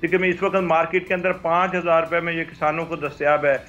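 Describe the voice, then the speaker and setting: A man's voice: on the high side, level tone, quick pace, a bit bright. A man from Pakistan, a farm-lobby head, gives formal answers full of prices over a remote call whose audio keeps breaking up. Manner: formal, reciting prices and figures. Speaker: head of a farmers' chamber, guest. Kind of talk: remote news interview answer. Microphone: remote call line. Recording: dull, cutting-out call line.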